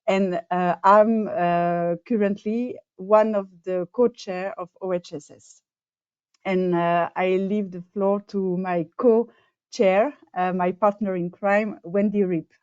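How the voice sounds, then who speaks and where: A woman's voice: mid-range voice, fairly even intonation, slow pace, a little mellow, smooth, dry recording. A woman hosting an online meeting, hesitant with many fillers. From Belgium. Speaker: meeting host, co-chair. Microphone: video call. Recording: dull, dry video call audio.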